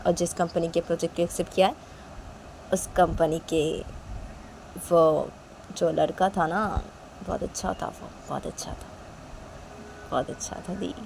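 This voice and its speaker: A woman voicing a shy, lovestruck young man who talks softly and pleads with his older sister. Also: lowish voice, fairly even intonation, normal speed, long pauses, slight background noise, natural voice. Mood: dreamy.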